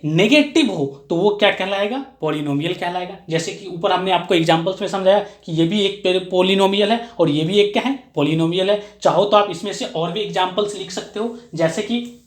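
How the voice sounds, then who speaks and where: A woman's voice: medium pitch, roomy sound. A woman maths teacher giving an explanatory lesson, who keeps asking and answering her own questions and repeats key phrases for emphasis.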